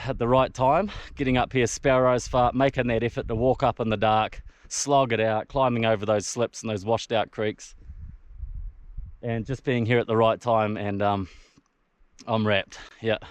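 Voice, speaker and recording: Male outdoor vlogger, mid-pitched, broad Kiwi accent, laid-back slangy delivery with mild swearing. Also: dry recording. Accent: broad New Zealand. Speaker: hunter filming own trip. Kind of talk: casual outdoor vlog talk. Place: outdoors on open mountain tops.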